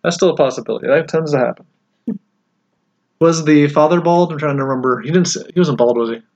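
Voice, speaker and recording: A man co-hosting a podcast, chatting casually about a story with relaxed, dry jokes. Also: on the high side, fast. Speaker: podcast co-host. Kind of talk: casual chat about a fan fiction story. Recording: dull lo-fi sound.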